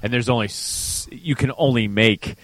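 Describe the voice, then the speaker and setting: A man co-hosting a casual podcast, an animated storyteller who acts out other people's voices. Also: mid-range voice, normal speed, no echo, rough recording. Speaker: podcast co-host and hockey broadcaster. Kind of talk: casual chat.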